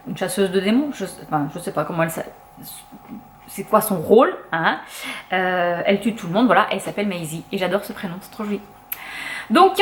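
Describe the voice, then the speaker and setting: A woman's voice: mid-range voice, fairly bright tone. A young French woman chatting casually as a book vlogger, full of fillers and restarts. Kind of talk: casual chat.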